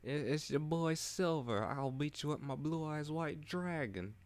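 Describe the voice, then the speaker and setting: A man's voice: on the high side, expressive, measured pace, darkish tone, voice pushed up. Man doing a brash, cocky Brooklyn tough guy for a game read-along. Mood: taunting. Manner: rough, taunting street talk. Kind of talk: reading a game aloud in voices.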